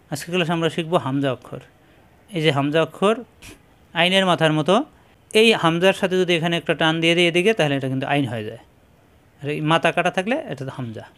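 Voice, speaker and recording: A man's voice: a little high, fairly bright tone. Patient man drilling letter sounds. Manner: patient, repeats sounds and syllables many times. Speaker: Quran reading teacher. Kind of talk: slow step-by-step recitation lesson.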